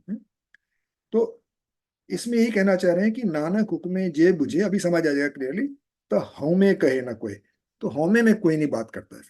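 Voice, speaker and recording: Mellow-voiced man teaching scripture. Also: sits high. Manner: patient, keeps asking "है?" to check understanding. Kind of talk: explaining scripture in a live class. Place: online live session. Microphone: video call.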